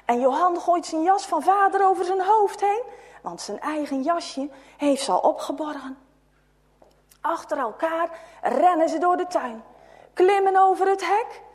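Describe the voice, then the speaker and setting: A woman reading a children's story aloud, expressive and hushed at tense moments. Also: very high voice, big-room sound.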